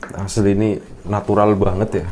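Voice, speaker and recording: Deep-voiced man in a noisy recording. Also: flat delivery, moderate pace. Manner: brief murmured reactions. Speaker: podcast co-host, listener. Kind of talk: casual horror podcast chat. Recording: noisy background.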